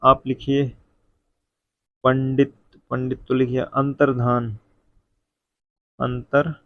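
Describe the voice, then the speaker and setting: A man teaching a Hindi spelling lesson, dictating each word slowly and repeating it, calling his viewers friend. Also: mid-range voice, monotone, no room sound. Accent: North Indian Hindi. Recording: dull, lo-fi sound.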